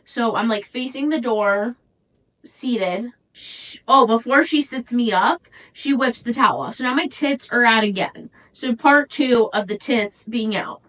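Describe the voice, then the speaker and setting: A woman's voice: fairly high pitch, measured pace, fairly bright tone, poor audio. A young woman hosting her own podcast, telling a crude personal story in a candid, casual way. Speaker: podcast host.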